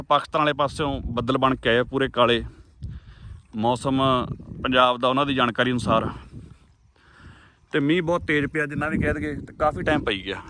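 Chatty Punjabi village vlogger, bright voice. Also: male voice, medium pitch, slight background noise. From Punjab, India. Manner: chatty, addresses viewers as friends. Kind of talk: casual vlog narration while walking. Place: outdoors in village fields, windy.

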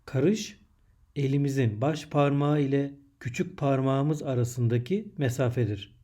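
A man with a very dark, muted voice at a middling pitch teaches young pupils from a script. He speaks like a teacher dictating, setting out short, measured phrases one at a time. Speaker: primary school teacher.

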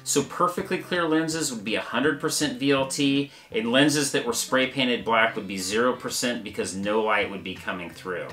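A man's voice: mid-range voice, sharp tone, echoey room. A man hosting a fishing channel, explaining gear in a plain, practical, step-by-step way. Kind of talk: gear review talk to camera.

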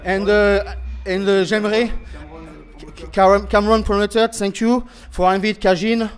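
A young French man, a fighter being interviewed after a bout, speaking halting, broken English with a French accent and repeating words as he searches for them. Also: sits high, level tone, smooth. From France. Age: young adult. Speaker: MMA fighter. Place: indoor event backdrop interview area. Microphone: handheld interview microphone held close.

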